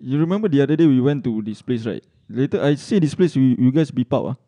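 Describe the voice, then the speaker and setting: A man's voice: mid-range voice, lively intonation, fast, warm tone. A man with a Malaysian or Singaporean accent telling a casual podcast story in colloquial slang English full of lah and sia, with some swearing. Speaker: podcast co-host.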